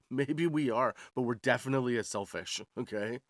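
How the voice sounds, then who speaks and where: A man in his forties tells stories as a podcast host, casual and comedic, clearly amused by his own jokes. His mid-range voice moves at a moderate pace, full of slang, and he tends to end remarks with "dude" and "right." The sound is clean studio audio with no echo.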